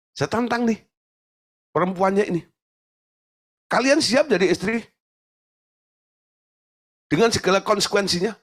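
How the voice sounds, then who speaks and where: A male pastor preaching in a colloquial, teasing way, full of rhetorical questions to his congregation. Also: fairly low pitch. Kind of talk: sermon.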